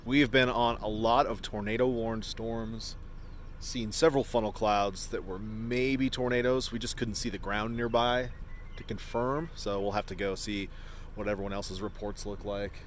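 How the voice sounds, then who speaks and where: A man's voice: fairly even intonation, normal speed. A man who works as a storm chaser gives casual vlog commentary from the road, recorded inside a car. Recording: very noisy moving vehicle, rumbling road noise. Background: loud engine and road rumble.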